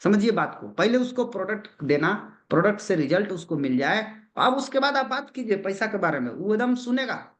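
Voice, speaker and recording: High-voiced man. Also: expressive, fairly quick, few pauses. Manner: asks the audience questions and answers them himself; repeats key points with emphasis. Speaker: business trainer. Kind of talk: motivational seminar talk.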